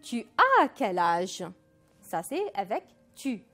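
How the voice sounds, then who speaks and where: Casting: woman French teacher, slow and very deliberate, lively pitch, faint music behind. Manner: slow, deliberate model phrases for repetition, mixing in Arabic. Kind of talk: recorded language lesson.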